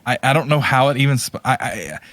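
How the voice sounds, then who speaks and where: A man co-hosts a podcast of casual talk about movies and games, rambling hesitantly about films and often restating himself. His medium-pitched voice is expressive, quick, and a bit bright. The recording is dry.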